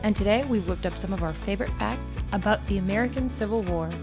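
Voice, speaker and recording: A woman from France co-hosts a history podcast, reading her scripted facts at an ordinary middle pitch. She alternates lines with her partner. Soft music sits faintly in the background. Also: fast. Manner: reads prepared lines clearly, trading turns with co-host. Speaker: podcast co-host.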